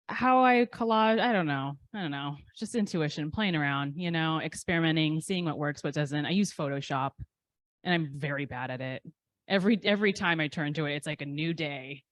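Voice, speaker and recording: Relaxed and frank, a poet guest in her thirties responds to interview questions with self-deprecating humor and frequent um-filled pauses. Her low voice comes through a close, dry recording that has no room echo.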